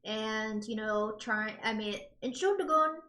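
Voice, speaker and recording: A woman's voice: medium pitch, normal speed, a bit bright. A woman with a standard American accent chatting casually as a podcast co-host. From United States. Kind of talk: casual chat. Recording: roomy, echoey indoor sound.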